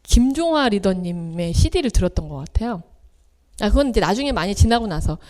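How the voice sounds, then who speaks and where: A woman's voice: medium pitch, sing-song, brisk, a little mellow. A middle-aged woman giving a motivational seminar speech, telling personal stories and acting out the voices of family members. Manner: storytelling, acting out quoted family voices with big swings. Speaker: seminar speaker.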